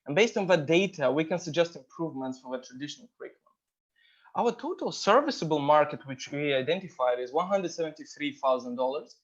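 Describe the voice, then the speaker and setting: A man founder giving a startup pitch through his video call microphone while sharing his screen, earnest and dotted with "uh" fillers. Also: dull audio. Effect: video call audio while sharing his screen. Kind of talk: demo day pitch presentation. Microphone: computer microphone on a video call.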